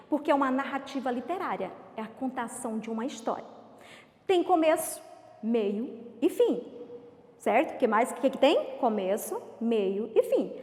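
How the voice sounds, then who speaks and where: A woman's voice: on the high side, a little mellow. A woman teacher with a Brazilian accent gives a playful home-school lesson to young children, counting aloud and asking questions. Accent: Brazilian Portuguese. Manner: reads words slowly and syllable by syllable. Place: home room. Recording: echoey room with long reverb.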